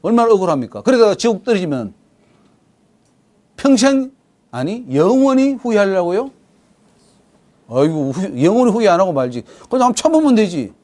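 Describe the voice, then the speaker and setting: A male pastor delivering a sermon. His voice sits high and moves through a wide, lively range, shifting between loud emphatic lines and quiet asides. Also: moderate pace, long pauses. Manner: animated preaching, swings from loud to hushed.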